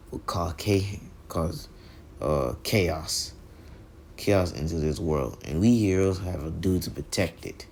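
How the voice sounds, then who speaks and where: A man voicing an earnest, idealistic teenage boy hero who speaks solemnly, halting and restarting. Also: sits low, vocal fry, a little hiss or hum, exaggerated voice.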